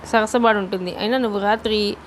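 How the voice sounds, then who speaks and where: A woman's voice: mid-range voice, fairly even intonation, brisk, a little hiss or hum, close to an everyday voice. A woman reading the part of a stern middle-aged mother who scolds her son. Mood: scolding. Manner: scolding, firm.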